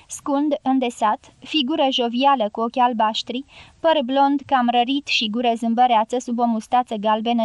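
A woman narrating a literary audiobook in an even, measured way. Her voice sits fairly high, and the recording is dry and close with no room sound. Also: no room sound.

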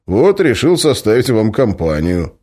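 A man's voice: on the low side, big pitch swings, measured pace, a little mellow, pitched above the performer's own voice. A man voicing a big, good-natured major who jokes in an easygoing drawl. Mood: joking.

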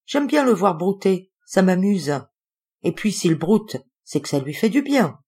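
A woman reading the part of a playful young man who gently teases an older woman about her dog. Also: mid-range voice, big pitch swings, unhurried, husky. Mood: teasing. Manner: joking, gently teasing. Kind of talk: audiobook character reading.

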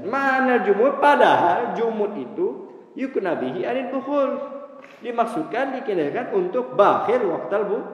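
Lively male teacher in an echoey hall. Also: high voice, unhurried. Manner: lively, joking, rising sharply on questions. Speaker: religious teacher. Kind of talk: casual classroom lecture on Arabic rhetoric.

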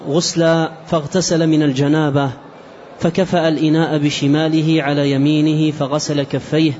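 A man's voice: on the high side, moderate pace. A man, a student, reading hadith texts and their chains aloud to his teacher. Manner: flat recitation of the text. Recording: distant dull lo-fi recording with faint hiss.

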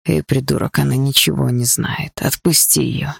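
A woman voicing a beaten young man who speaks softly and reassuringly while staying quietly defiant. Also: a bass voice, steady tone, normal speed, gravelly, husky, no room sound, studio quality, exaggerated voice.

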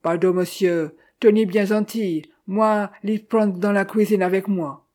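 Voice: medium pitch, fairly even intonation, measured pace, a little mellow, natural voice. A reader voicing a patient, courteous middle-aged detective in an audiobook, speaking with formal, ornate politeness. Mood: humble.

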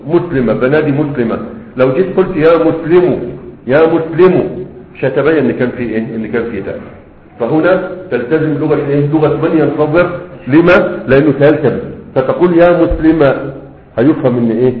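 A man with an Egyptian accent teaching Arabic grammar to a class. He keeps asking rhetorical questions and then answers them himself. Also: mid-range voice. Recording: echoey lo-fi room recording.

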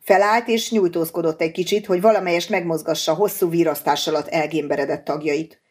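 A woman narrating a novel in a measured, steady audiobook reading. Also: fairly low pitch, husky.

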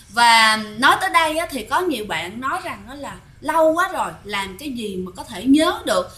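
Chatty bright-voiced woman telling ghost stories. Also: high-pitched. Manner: chatty, addresses listeners often. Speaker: ghost story narrator. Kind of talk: casual storytelling to listeners.

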